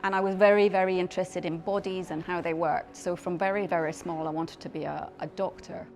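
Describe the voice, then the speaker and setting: A middle-aged woman with a fairly low voice speaks in a profile interview, explaining her medical research in a measured, thoughtful way. She often restarts and repeats words as she thinks. Soft music plays quietly underneath. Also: fairly even intonation. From Scotland, raised in Belgium. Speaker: clinician scientist in paediatric dermatology.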